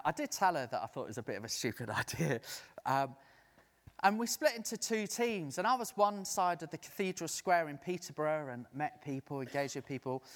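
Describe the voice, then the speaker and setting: A man delivers a sermon with a somewhat raised pitch. He is an animated storyteller who slips into the voices of the people he quotes. His voice carries a long, lingering reverb from a large hall. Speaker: preacher.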